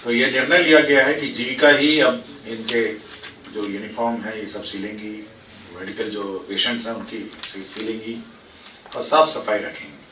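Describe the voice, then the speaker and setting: A man's voice: on the low side, steady tone, moderate pace, pushed and bright. A man giving a formal press briefing as a government official, reading out decisions and explaining them, with English administrative terms mixed in. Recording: echoey room, distant mic, faint noise.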